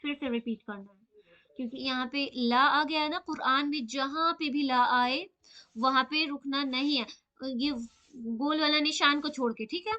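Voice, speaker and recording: A woman teaching Quran recitation rules in a live online class, patiently repeating and slowly drawing out example words. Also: high voice, fairly even intonation, bright, forceful tone, dull audio.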